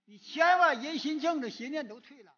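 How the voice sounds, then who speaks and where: A man with a Northeastern Mandarin accent gives a moral lecture in a lecture hall, telling stories in a folksy, animated way with many "是吧" asides. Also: extremely high pitch, a little fast, lo-fi sound. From Northeast China. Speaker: public lecturer. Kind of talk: moral lecture told through anecdotes. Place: lecture hall at a public forum.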